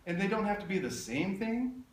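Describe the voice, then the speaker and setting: Recorded in a roomy space from a distance, a man with a fairly high voice delivers a funeral eulogy. He speaks tenderly and haltingly, in measured phrases with pauses. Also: very animated. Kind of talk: funeral eulogy, public speech. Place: echoey room, speaking to a gathering. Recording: roomy echo, distant mic, faint noise.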